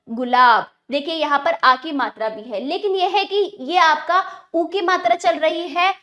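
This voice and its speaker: A woman teaching young children, patient and clear, repeating each word slowly so they can follow. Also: high-pitched, a bit bright. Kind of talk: classroom lesson for children.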